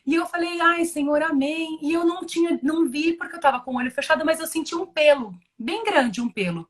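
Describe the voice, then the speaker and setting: A woman's voice: sits high, lively intonation, fast talker. A Brazilian woman giving an earnest, emotional personal testimony in conversation, often restarting and repeating words as she talks. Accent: Brazilian Portuguese. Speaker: guest giving a religious testimony.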